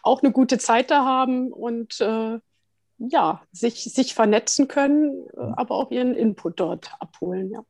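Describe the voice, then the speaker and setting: A woman guest talks through her answers in a relaxed, chatty way, pausing often and laughing lightly. Her voice sits a little high for a woman and is recorded dry and close. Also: no room sound. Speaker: guest, head of continuing education at a central bank. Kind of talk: relaxed conversational interview answers.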